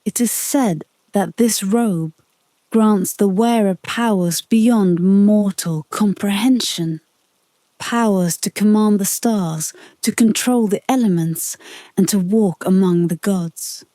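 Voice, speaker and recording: A woman voicing an ancient, grave royal astronomer in a storybook, with measured, solemn delivery. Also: medium pitch, mellow, no echo, lightly acted.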